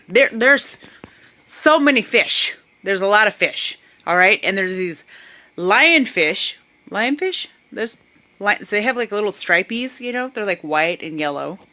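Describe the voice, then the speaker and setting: A young woman animatedly telling a comic travel story to her camera. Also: medium pitch. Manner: animated, puts on voices for others. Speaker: vlogger. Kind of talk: casual storytelling.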